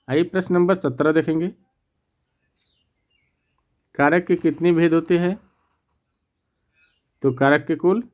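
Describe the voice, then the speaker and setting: A man teaches an exam practice lesson, reading each question and its options aloud before explaining the answer and checking with the class. He goes slowly and methodically, repeating "theek na" to check in. His voice is on the high side and a little mellow.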